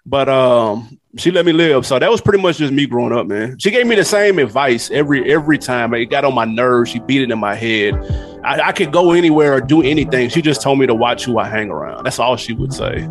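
A middle-aged American man from Nashville appears as a podcast guest, telling stories in a candid, slangy, casual chat with music in the background. His mid-range voice is animated and brisk.

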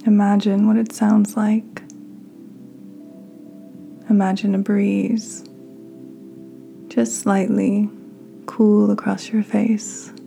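A woman hosting a podcast, leading a guided meditation in a soft, half-whispered, soothing voice. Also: mid-range voice, completely flat delivery, extremely slow, creaky, pauses often, faint music behind. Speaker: podcast host.

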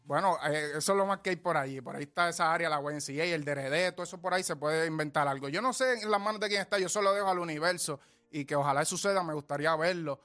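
A man's voice: on the high side, quick pace, a bit bright, soft background music. A man with a Puerto Rican accent making an earnest, heartfelt appeal on a radio show. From Puerto Rico.

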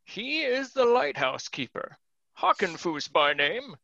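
A man's voice: very high-pitched, sing-song, slow, creaky, sharp tone, dry recording, highs cut off, exaggerated voice. A man playing a pompous, bumbling old alchemist with a grand manner. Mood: grandiose. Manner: grandiose, then deflating.

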